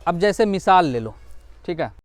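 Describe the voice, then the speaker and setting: A man teaches Quran pronunciation in a patient classroom manner. His voice sits fairly high. He keeps asking questions and answering them himself, and he drawls out example words slowly. The sound is dry, with no room echo. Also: lively intonation. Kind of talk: classroom lesson.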